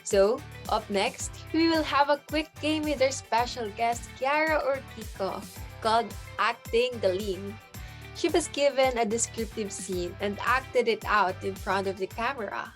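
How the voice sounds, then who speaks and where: Young woman talent-show host, Filipino accent, upbeat announcing, a bit high, faint music. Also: a little slow. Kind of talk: scripted show hosting.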